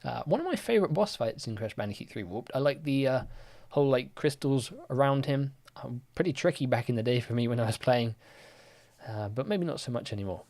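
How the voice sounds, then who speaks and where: Speaking a little fast in a medium-pitched voice, a chatty young man runs a live quiz stream. He keeps things relaxed and full of fillers as he reads out questions from the chat and responds to viewer comments.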